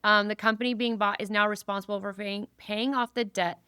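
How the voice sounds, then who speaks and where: A woman's voice: medium pitch, fairly even intonation, fairly quick, pushed and bright, smooth, no room sound, studio quality. A woman co-hosting a podcast in a chatty, joking way. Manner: chatty, jokey, quotes movie lines. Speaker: podcast co-host. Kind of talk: casual chat.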